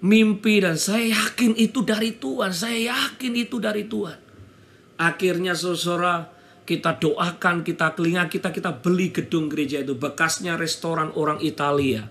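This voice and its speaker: A man's voice: sits high, normal speed, a bit bright, a little hiss or hum. A middle-aged man from Indonesia preaching a sermon as pastor, telling a personal testimony with emotion and addressing the congregation often. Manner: addresses congregation repeatedly, emotional storytelling, acts out dialogue.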